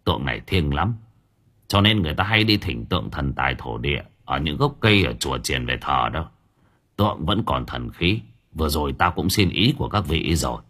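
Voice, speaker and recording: A man voicing a gruff, blunt old male spirit master in an audio story, speaking low and muttering. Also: lively intonation, brisk, fairly bright tone, exaggerated voice. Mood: solemn. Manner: low gruff muttering, calls others "mày".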